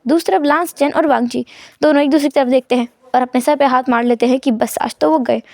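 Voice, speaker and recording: High-voiced woman narrating a story. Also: steady tone, fast talker, gravelly, a little mellow, no room sound, clean studio sound. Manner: acts out quarrelling characters in dialogue. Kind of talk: fan fiction narration with voiced dialogue.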